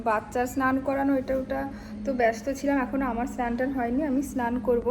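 A young woman talks casually to her vlog audience from her family home. Her voice sits a little high and sounds mellow and soft-edged, and she speaks in a chatty, confiding way, often lowering her voice. Faint household noise sits behind her. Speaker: vlogger. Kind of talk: casual chat to camera.

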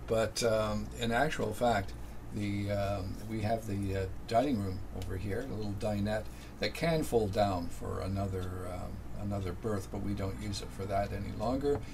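An older man giving a casual narrated tour of his small sailboat cabin, unhurried and halting, full of fillers. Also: fairly low pitch, steady tone, gravelly, noisy background. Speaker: boat owner giving a tour. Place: small sailboat cabin, then home office.

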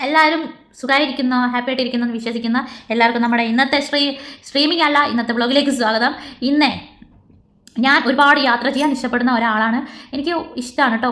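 A woman's voice: a little high, a bit bright. A woman vlogger talking casually to her viewers, chatty and repetitive, with lots of fillers and restarts. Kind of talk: casual direct-to-camera vlog chat.

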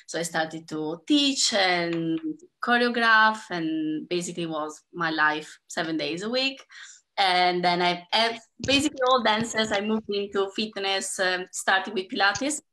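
An Italian woman in her thirties, accented and chatty, introduces herself as a dance educator and panel guest on a video call from a room at home. Her mid-range voice is bright and forceful, a little slow, full of fillers and laughs between phrases, and the laptop webcam mic gives a rough recording.

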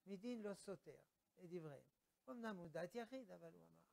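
High-voiced man, a rabbi teaching. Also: expressive, gravelly, mellow, rough recording. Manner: acts out little scenes, conversational. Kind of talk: humorous religious lesson.

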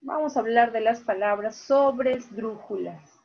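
A woman teacher giving an online lesson, talking slowly and repeating key words syllable by syllable. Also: on the high side. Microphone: video call. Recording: dull video-call audio.

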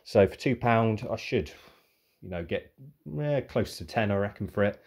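His voice is lowish and a little mellow, at a normal pace. This young vlogger casually reviews bargains from a car boot sale, wandering through his thoughts out loud.

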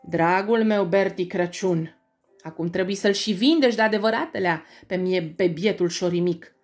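A woman voicing a knowing, teasing crow that croaks and lectures, in a storybook reading. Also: fairly low pitch, darkish tone, faint music behind, lightly acted. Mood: scolding.

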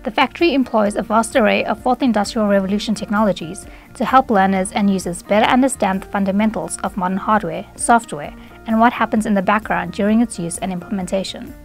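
A woman reads a scripted news voice-over in an even, steady delivery. Her voice has a strong vocal fry at a middle pitch. Faint music sits underneath. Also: quick pace. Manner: even, read-aloud delivery. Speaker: reporter narrating.

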